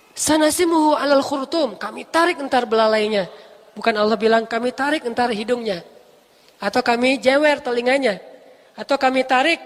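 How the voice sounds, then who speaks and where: Lively Quran teacher in a reverberant space. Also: medium pitch. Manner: explains Arabic terms with emphatic repetition; casual, lively, jokes with listeners. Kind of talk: Quran study lesson. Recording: long reverb.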